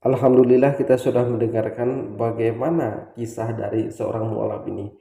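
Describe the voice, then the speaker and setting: A man's voice: mid-range voice, steady tone, moderate pace, vocal fry, warm tone, echoey room. A man giving preachy religious commentary, emphatic and lecturing, listing his points one by one.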